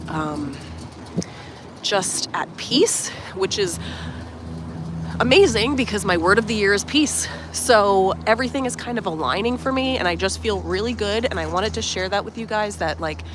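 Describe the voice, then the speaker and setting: A young woman with a mid-range voice speaks over a noisy background, live-streaming as she walks outdoors at a resort at sunrise. She's a life coach and channel host, casual and earnest, slightly nasal from a cold, and her warm, reflective talk is full of fillers like "um" and "like."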